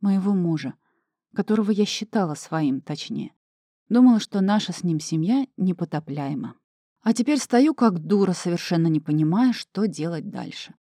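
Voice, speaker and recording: A woman reads a first-person novel aloud with emotional, emphatic delivery. Her voice is mellow and dark, and the recording is dry and close with no room sound. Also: fairly low pitch, lively intonation, normal speed, no echo. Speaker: audiobook narrator.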